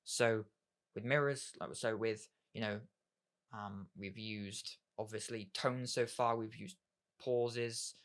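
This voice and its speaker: A man's voice: fairly low pitch, fairly even intonation, takes it slowly. Rambling man explaining communication tips. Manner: rambling, leans on "obviously" and "kind of"; acts out sample dialogue in a brighter voice. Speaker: communication skills presenter. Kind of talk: casual explainer talk.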